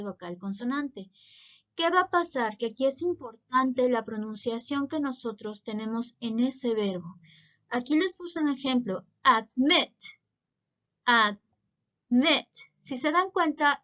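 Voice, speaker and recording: A woman teaching English grammar in Spanish, giving clear step-by-step explanations and pronouncing English example words. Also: a little high, fairly bright tone, dull audio.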